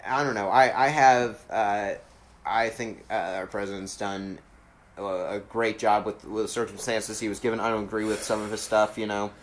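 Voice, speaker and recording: A man's voice: lowish voice, little pitch movement, normal speed. A man in casual political chat, rambling with many fillers and swearing bluntly. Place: cold unheated studio.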